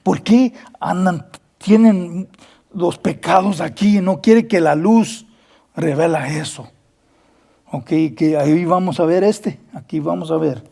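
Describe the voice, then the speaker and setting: A man's voice: high voice, slow pace, vocal fry, dark tone. A man preaching a Bible study sermon as pastor, earnest, repeating words and acting out quoted dialogue, slipping between Spanish and English.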